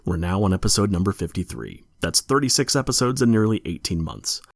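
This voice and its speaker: Man, podcast host, tired, matter-of-fact, lowish voice, dry close sound. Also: big pitch swings, brisk, vocal fry, no echo. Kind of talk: scripted podcast intro.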